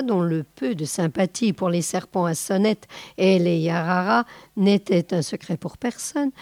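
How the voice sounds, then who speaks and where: A woman reading a tale aloud in a measured, unhurried way. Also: medium pitch, a little mellow, no echo. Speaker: reader of stories.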